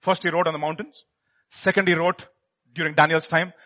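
A man's voice: a little high, little pitch movement, a little fast, bright, forceful tone. A man with an Indian accent preaching with personal testimony, emphatic and dramatic, repeating words and putting rhetorical questions to his listeners. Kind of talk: animated sermon with personal testimony.

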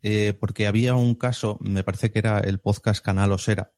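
A man, deep and somewhat dark in tone. He speaks hesitantly and starts sentences over often as he explains something. The recording is dry and close. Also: steady tone, fairly quick, no room sound. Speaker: podcast event co-organizer. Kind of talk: casual podcast chat.

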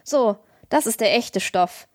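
A woman voicing a gruff, good-natured old male forester in an audiobook, with folksy, blunt talk. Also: a little high, animated, slow pace, no room sound, clean studio sound. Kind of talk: audiobook reading.

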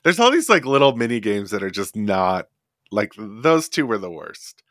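Here a man with a lowish, sing-song voice hosts a laid-back gaming podcast, wandering off topic and leaning heavily on "like" and other fillers. The tone is fairly bright and the pace moderate, captured on a desk podcast mic with clean, echo-free studio sound.

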